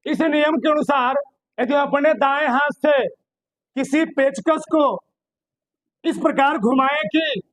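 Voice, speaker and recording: A man with a very high voice teaches a physics class, repeating himself and firing questions at his students. His comes through on a dry, close recording. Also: moderate pace, fairly bright tone, dry recording, low-quality recording. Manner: repetitive, quizzing students with questions. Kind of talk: classroom lecture.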